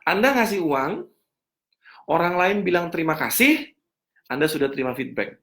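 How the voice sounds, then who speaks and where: Lively male financial coach teaching. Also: a little high. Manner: lively, checks understanding with quick rhetorical questions; repeats key points for emphasis. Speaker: financial coach leading a seminar. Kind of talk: seminar teaching with audience questions.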